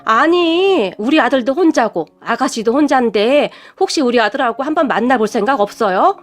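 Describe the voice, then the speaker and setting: A woman voicing a feisty middle-aged mother who shouts and scolds in a story. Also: sits high, animated, normal speed. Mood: coaxing. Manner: shouting, bossy, wailing.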